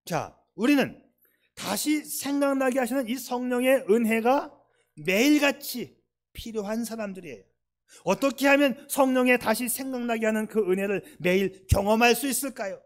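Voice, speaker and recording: A male pastor preaching a sermon, emphatic, swinging between loud stresses and soft asides, and putting rhetorical questions to the congregation. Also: very high voice, moderate pace.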